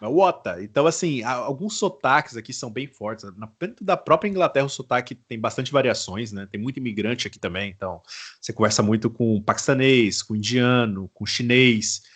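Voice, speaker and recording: A man with a Brazilian Portuguese accent talks as a guest in a casual podcast interview. His voice sits at a middling pitch, and he tells his story in a relaxed, slangy way. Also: a little fast, husky. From Goiás, Brazil. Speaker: guest, mobile engineer.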